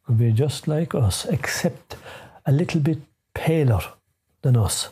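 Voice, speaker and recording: An older Irishman tells folklore in the lilting way of a traditional storyteller. His Irish-accented voice is mellow and slightly husky, and he speaks unscripted. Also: medium pitch, animated, measured pace. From Ireland.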